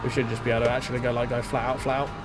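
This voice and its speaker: A man with a medium-pitched, flat voice talks rapid-fire while streaming a racing game, chatting casually to himself and his viewers as he drives. He sounds congested, his nose blocked up. Heavy background noise of game music and car engines runs under his live commentary.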